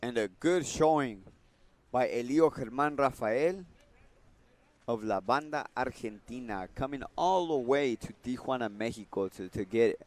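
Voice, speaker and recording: A man gives casual, unscripted boxing analysis, often repeating and rephrasing his points. His mid-range voice is animated, a little slow and slightly mellow.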